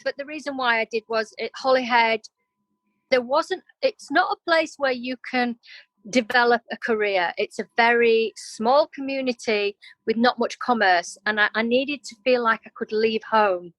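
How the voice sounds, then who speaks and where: This middle-aged woman, from Yorkshire and North Wales, chats openly and expressively about her life as a guest interviewee and creative business owner, her Yorkshire speech carrying a Welsh tinge. Her voice sits high and is a bit bright at normal speed; the recording is dry and poor.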